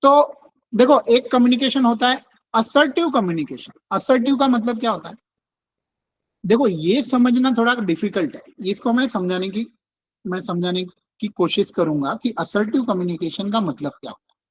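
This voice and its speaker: High-voiced man explaining in a relaxed way. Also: normal speed, a little hiss or hum, low-quality recording. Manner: conversational, keeps saying "look" and "okay"; gives everyday husband-and-wife examples. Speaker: relationship workshop speaker. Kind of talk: casual explanatory talk. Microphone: online session with screen sharing.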